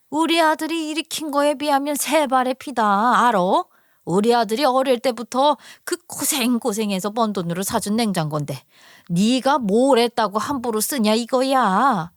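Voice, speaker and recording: A woman's voice: medium pitch, no room sound, studio quality, lightly acted. A woman voicing a stingy, bossy older mother-in-law who scolds harshly in a told story.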